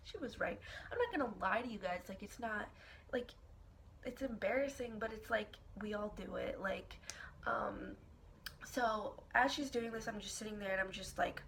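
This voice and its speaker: A young woman vlogger telling an embarrassing personal story in a dramatic, expressive way, swearing casually and with lots of filler words. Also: mid-range voice, normal speed, a little hiss or hum. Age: young adult. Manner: casual, profane, filler-heavy. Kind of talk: storytime vlog.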